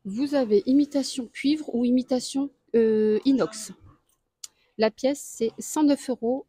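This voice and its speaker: A woman, a deal-hunting vlogger, walks through a store aisle and lists prices and sizes. She speaks in a chatty way and pauses often. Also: medium pitch, dark tone, dry recording. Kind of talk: casual store walkthrough. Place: home improvement store aisle.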